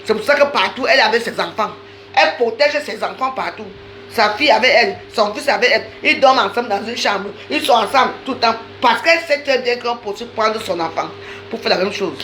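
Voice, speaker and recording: A woman's voice: fairly high pitch, fairly quick, fairly bright tone, slight background noise, rough recording. A woman delivering a heated, accusatory live-stream rant, talking straight to her viewers and repeating phrases for emphasis. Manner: accusatory, insistent, addresses viewers directly.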